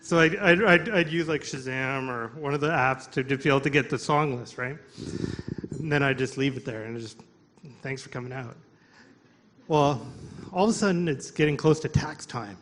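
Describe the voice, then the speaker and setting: A man telling a personal story to coworkers at a live storytelling event, halting and restarting often, laughing through his words. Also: medium pitch, a bit bright, a little hiss or hum.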